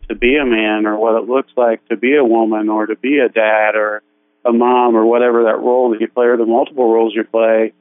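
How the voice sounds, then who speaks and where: A man calling into a radio talk show by phone. His voice is thin with no bass, and he talks in a relaxed, joking, reflective way. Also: fairly quick, no room sound. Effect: thin phone-line voice with no bass. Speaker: regular co-host calling in. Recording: tinny phone line.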